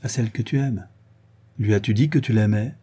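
A man's voice: fairly quick, husky. A man voicing a teasing, clever young woman in a read-aloud novel, in a raised, playful voice. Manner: lively, teasing, higher voice.

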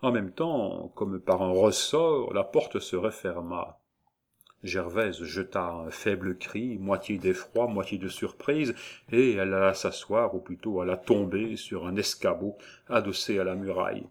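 A man narrating a classic novel as an audiobook in a measured, even manner. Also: sits low.

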